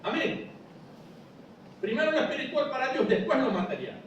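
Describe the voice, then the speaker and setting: A man's voice: extremely high pitch, expressive, normal speed, very echoey, recorded from a distance, lo-fi sound, a little hiss or hum. A male pastor preaching a sermon, explaining step by step with rhetorical questions and calling listeners brother. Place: church.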